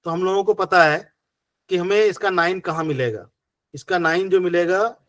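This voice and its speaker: A man's voice: high-pitched, moderate pace, fairly bright tone, dry recording. A man with a Hindi accent teaching an acupressure class, explaining step by step with patient rhetorical questions.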